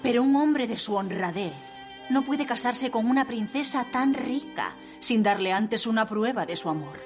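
A woman's voice: on the high side, animated, moderate pace, soft background music, lightly acted. A woman voicing a haughty, manipulative young cartoon princess in a formal, coaxing, theatrical manner. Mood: coolly demanding. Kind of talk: cartoon film acting.

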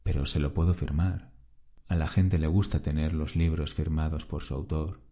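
A man voicing an enigmatic old man of about eighty who answers calmly and cryptically. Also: rumbling low, moderate pace. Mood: calm, cryptic. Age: older.

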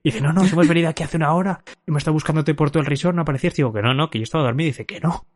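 A podcast host with a fairly high, darkish voice races through a drunken travel anecdote. It's casual storytelling, peppered with frequent laughs and swearing.

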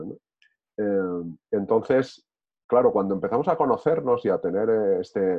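Reflective man in a group discussion, low husky voice, hesitant, phone-quality audio. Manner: reflective, lots of hesitation fillers and restarts. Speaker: discussion participant. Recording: tinny phone-like line.

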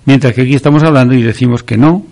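A man hosting a religious talk program, asking questions and summing up points in a measured, thoughtful way with some hesitations. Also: mid-range voice, a little mellow.

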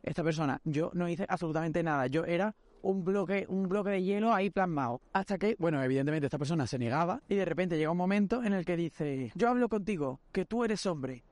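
Fast-talking Andalusian man telling a story. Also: a little high, dry recording. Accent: Andalusian Spanish. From Algeciras, Spain. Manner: excitable, animated, swears freely. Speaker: podcast host. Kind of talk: comic storytelling to camera. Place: city street outdoors, walking.

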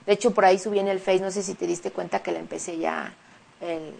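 A woman's voice: fairly low pitch, creaky. A woman with a Mexican Spanish accent, a singer and actress chatting emotionally as an interview guest. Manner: chatty and emotional, quick animated retelling. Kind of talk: casual interview chat.

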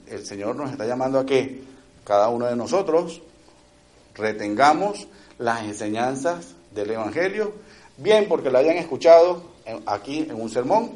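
A middle-aged man preaches at a medium pitch, keeping the sermon conversational. He regularly addresses listeners with quick asides, and his lines swing from loud and emphatic to quiet.

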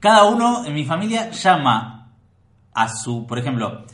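A man, a podcast guest who talks loudly and tells stories in an animated way. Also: on the high side, measured pace, echoey room. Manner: loud, animated storyteller. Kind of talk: casual comedic chat.

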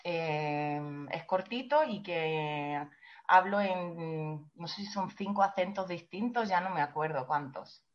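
A woman's voice: lowish voice, slow, highs cut off. A woman, an actress and guest, chatting casually and laughing easily. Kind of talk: casual chat.

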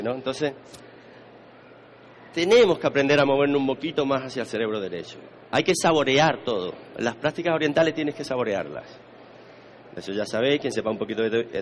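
A man with a Spain Spanish accent lectures an audience on the Eastern arts. He talks in an easy, conversational way, repeats his words and often asks whether people are following. His voice sits at an ordinary middle pitch, with faint noise in the background.

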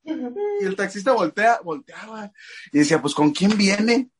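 A middle-aged Mexican man with a Mexican Spanish accent, a father telling an animated story as a guest in a casual chat. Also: high voice, measured pace, a little hiss or hum. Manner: animated storyteller acting out quoted voices.

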